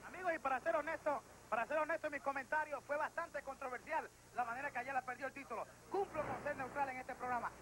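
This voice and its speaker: Very high-pitched male wrestling show host. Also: fast, fairly bright tone, a little hiss or hum, rough recording. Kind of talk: event promotion and interview. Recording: old TV tape with music.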